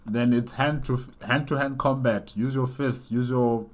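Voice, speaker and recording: A man giving casual reaction commentary as an enthusiastic fan, in a halting delivery. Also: mid-range voice, steady tone, soft background music. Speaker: reaction video host.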